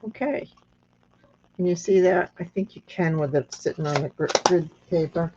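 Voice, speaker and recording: A woman with a thin, squeaky, reedy voice casually hosting a hands-on craft demonstration, thinking aloud as she goes. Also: fairly even intonation, noisy background. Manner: unhurried, thinking aloud with pauses. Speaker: craft tutorial host. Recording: dull lo-fi sound.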